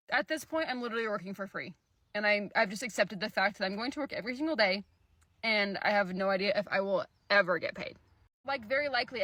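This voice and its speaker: A woman's voice: mid-range voice, dry recording. A young woman, a travel nurse, telling her story in an exasperated, sarcastic, casual vlog. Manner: exasperated, sarcastic, animated retelling.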